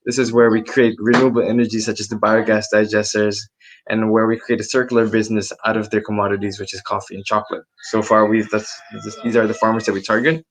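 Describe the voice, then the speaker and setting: This man's voice is lowish with little pitch movement, and he talks quickly. He's an Indonesian research assistant presenting a webinar talk in a casual online style, with many ums and restarts picked up by a computer mic. The recording quality is rough.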